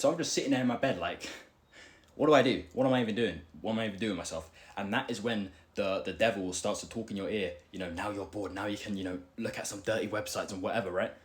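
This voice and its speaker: A young man giving casual self-improvement advice while working out, out of breath, rambling with lots of fillers and "right?" tags. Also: mid-range voice. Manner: rambling, filler-heavy, keeps asking "right?".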